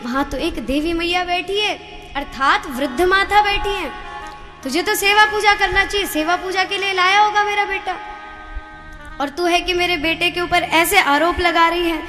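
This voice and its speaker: A woman voicing an elderly mother-in-law who speaks softly and reproachfully, with music behind her. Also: normal speed. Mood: scolding. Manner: soft, lower and scolding. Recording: reverberant hall with music.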